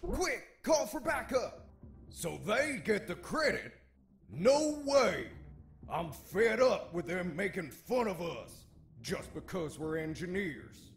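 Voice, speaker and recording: A man's voice: high-pitched, big pitch swings, slow, full character voice. A man playing an indignant, self-important nerdy engineer guard in a comic video game. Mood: excited.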